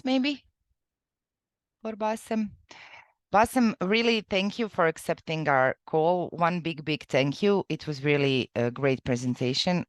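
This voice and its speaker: A woman hosts a video meeting in a very low voice over dry audio. She thanks the speaker politely and gratefully, with slightly phrasing. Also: dry recording. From Croatia. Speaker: meeting host. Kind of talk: online group discussion. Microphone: video call.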